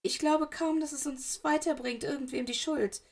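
A woman's voice: on the high side, normal speed, gravelly, darkish tone, voice pushed up. A woman voicing an older female teacher, stern but trembling with worry. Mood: shaky concern. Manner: trembling, pleading.

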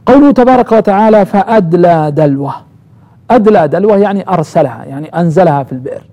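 A man with a fairly high, mellow voice teaches a Quranic exegesis lesson. He goes slowly, repeats each phrase and stretches out the verses he quotes. The recording sounds dull and lo-fi.

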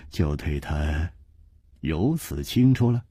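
一位男说书人扮演一位沉着潇洒的侠客，说话轻声、从容不迫。. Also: male voice, rumbling low, takes it slowly, husky, no room sound, clean studio sound, pitched below the performer's own voice, exaggerated voice. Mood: calm. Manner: soft, calm, understated. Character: calm suave hero swordsman, composed.

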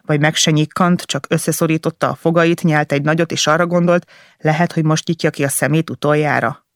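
A man reading a first-person novel aloud as an audiobook narrator, with an intense, emotional delivery in short, halting phrases. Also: a little high, steady tone, no echo, clean studio sound.

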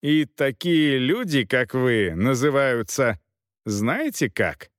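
A man's voice: mid-range voice, big pitch swings, slow, dry recording, clean studio sound. A man reading aloud, voicing a proud male knight who haggles and accuses in a cutting way. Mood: angry.

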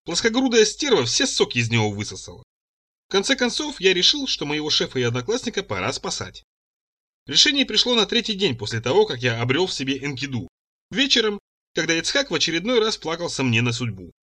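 Expressive man reading an audiobook. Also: a little high, fast talker. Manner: expressive first-person storytelling. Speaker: narrator.

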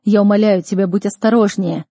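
A woman's voice: medium pitch, fairly even intonation, brisk, vocal fry, warm tone, no echo, clean studio sound. A woman voicing an emotional young man desperate to save his sister, talking urgently. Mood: pleading.

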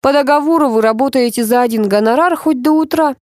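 A woman's voice: sits high, quick pace, a little mellow, no room sound, clean studio sound, pitched above the performer's own voice, natural voice. A woman reading an audiobook and voicing a brusque, impatient male director who barks orders at his crew.

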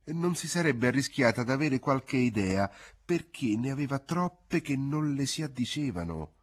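A man narrating a literary audiobook in a measured, expressive storytelling manner. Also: mid-range voice.

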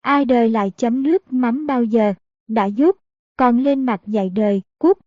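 A woman voicing a rude, hot-tempered male servant who talks in a gruff, threatening way. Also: fairly high pitch, moderate pace, dry recording, close to an everyday voice. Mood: scornful. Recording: dull, dry audiobook recording.

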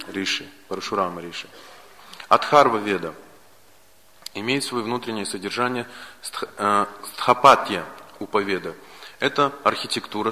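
A man giving a lecture in a Russian accent, listing points in a measured way and repeating key words. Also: lowish voice, bright, forceful tone. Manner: measured, enumerating points with repetitions. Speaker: lecturer on Vedic philosophy. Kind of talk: spoken lecture. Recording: archival lecture recording with long hall reverb.

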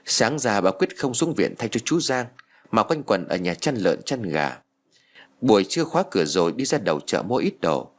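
A man narrating a village story for an audiobook in an expressive, storytelling manner. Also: on the low side, normal speed.

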